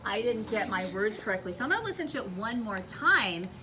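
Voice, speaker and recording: A very animated, brisk woman with a medium-pitched voice teaches a class of children, demonstrating and thinking out loud step by step. The recording comes from a distant microphone in a noisy classroom full of room noise and children's voices.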